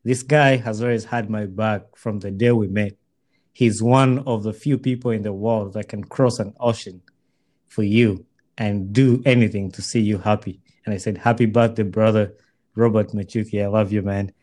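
A man's voice: lowish voice, fairly even intonation, normal speed, darkish tone. A man talking casually and from the heart with a friend, earnest and repeating phrases as he builds his point.

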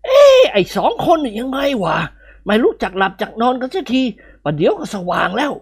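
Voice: medium pitch, very animated, a little fast, slightly rough, voice pushed up. A reader voicing a grumpy, irritable old nobleman who scolds in an audiobook. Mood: cranky. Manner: scolding, cranky.

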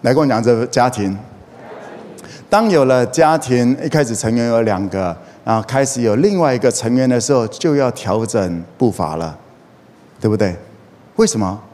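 A man's voice: mid-range voice, animated, normal speed, a little mellow. A middle-aged man preaching to a congregation, telling stories with humor and asking for call-and-response. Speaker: pastor. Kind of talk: sermon with humorous storytelling. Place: church hall. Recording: echoey hall with faint noise.

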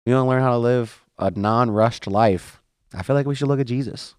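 A man co-hosting a casual podcast, plain-spoken and unhurried. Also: medium pitch, no room sound, studio quality. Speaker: podcast co-host.

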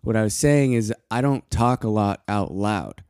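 A quiet man hosting a casual solo podcast, talking in short halting bursts and pausing often for breath. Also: lowish voice, clear, resonant tone, dry recording, clean studio sound. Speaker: podcast host.

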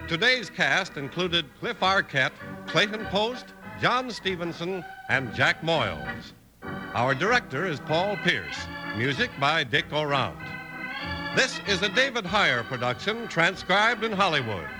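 High-pitched American old radio announcer, lively delivery. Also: male voice, unhurried, rough recording. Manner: polished, emphatic announcing. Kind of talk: old-time radio announcer reading credits and sponsor message. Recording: old radio recording with organ music. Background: organ music.

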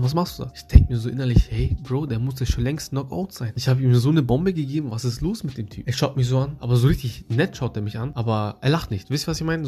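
A young man tells a story on his podcast in a slangy, lively way, acting out punches with sound effects. His voice is husky and sits at a middle pitch. Faint music plays behind him. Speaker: podcast host. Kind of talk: casual storytelling monologue.

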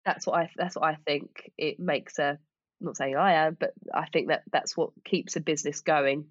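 A woman's voice: low-pitched, fairly even intonation, normal speed, dry recording, muffled recording. A woman with an Essex accent speaking as an interview guest in a chatty, informal, self-deprecating way. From Essex, England. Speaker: podcast guest, small business owner. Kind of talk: casual interview chat.

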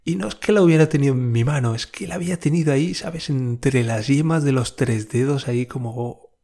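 A man's voice: mid-range voice, a little fast, vocal fry, warm tone. A man hosting a casual podcast monologue in a chatty way, laughing often and swearing freely. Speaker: podcast host.

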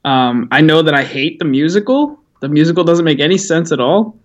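Man, podcast guest, slightly high voice, frequent laughs and ums, dull lo-fi sound. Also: lively intonation, brisk. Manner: laughs often, many ums and restarts. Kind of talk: casual chat.

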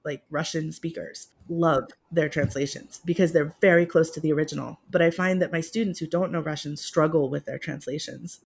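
A native English-speaking woman who professes Russian literature discusses her work in a casual, self-mocking way during a conversational interview, laughing now and then. Her voice sits low and dark, creaky with a breathy edge, steady in tone and fairly quick with few pauses.

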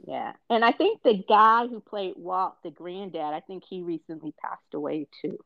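A man co-hosting a casual pop culture podcast, chatty and animated, joking about his game show voice. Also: high-pitched, moderate pace, creaky, dry recording, highs cut off. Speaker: podcast co-host.

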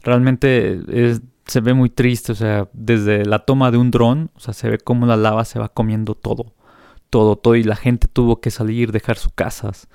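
A man's voice: mid-range voice, flat delivery, normal speed, vocal fry, a little mellow, smooth, no echo, clean studio sound. A Mexican man hosting a casual comic news show, chatty and hesitant with frequent fillers.

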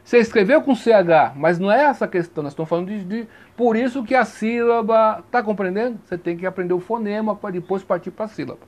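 A man teaching grammar in an informal lesson, chatty and given to checking that listeners follow, spelling sounds out slowly. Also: high voice, darkish tone. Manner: chatty, repeats 'tá compreendendo?' often; spells out sounds slowly, stressing each vowel.

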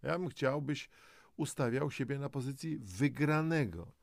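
A man with a mid-range, creaky voice narrates a self-help audio guide, speaking directly to the listener in an animated, unhurried, encouraging tone. The motivational script is recorded cleanly in a studio with no room sound.

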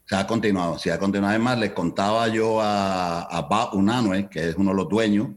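A man in his sixties from Colombia, a guest telling lively anecdotes in an interview and mixing Spanish and English as he acts out dialogue. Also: on the low side, brisk. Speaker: guest, entertainment entrepreneur. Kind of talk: storytelling in a conversational interview.

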